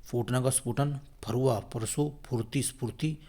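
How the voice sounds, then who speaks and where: Man rattling off word pairs, mellow voice. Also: medium pitch. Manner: rattles off word pairs, addresses viewers as friends; quick self-corrections. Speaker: Hindi grammar teacher. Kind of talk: exam-prep word list lesson.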